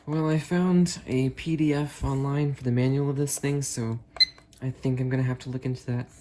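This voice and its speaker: A video creator reviewing weather radios chats to the camera like an enthusiastic radio hobbyist among friends, rambling casually. His medium-pitched voice moves at a moderate pace with fairly even intonation. The amateur recording is noisy, with storm sounds in the background.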